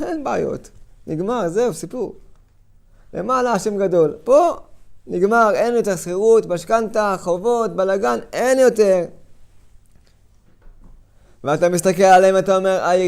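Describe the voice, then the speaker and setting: A middle-aged man giving a sermon as a rabbi, dramatic, moving between hushed tones and loud outbursts and acting out inner voices. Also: high voice, creaky, smooth. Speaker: rabbi giving a weekly lesson.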